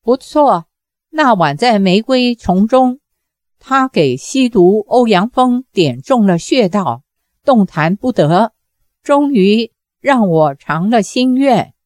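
A woman voicing an anguished young male Taoist who pleads with his tormentor, lowering her voice for him. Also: sing-song, takes it slowly, a little mellow, no echo, studio quality. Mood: dreamy, tender. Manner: desperate, begging, low-voiced.

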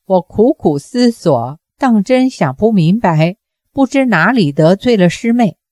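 A woman's voice: medium pitch, lively intonation, measured pace, warm tone, dry recording, studio quality, lightly acted. A woman reading as a stammering young swordsman. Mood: pleading. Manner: stammering, pleading. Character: young swordsman, senior disciple, anxious and stammering.

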